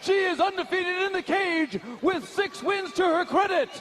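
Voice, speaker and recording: A man announcing fighters in the cage with a booming, drawn-out delivery. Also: a bit bright. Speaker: ring announcer. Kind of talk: ring announcing.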